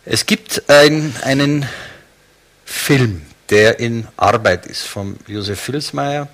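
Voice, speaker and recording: A man's voice: medium pitch, slow, a bit bright. A man introducing an interview guest, hesitant with fillers.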